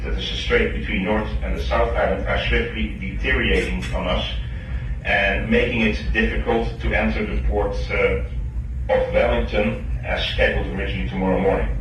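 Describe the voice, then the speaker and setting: A man, a ship's captain, making a formal onboard announcement over the intercom speakers, measured and halting with frequent fillers. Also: on the low side, far from the mic. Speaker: ship captain. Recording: echoey loudspeaker heard from afar with faint music.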